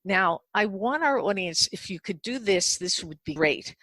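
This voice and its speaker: A woman hosting a talk show interview, asking measured, deliberate questions. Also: medium pitch, animated, a bit bright, no echo.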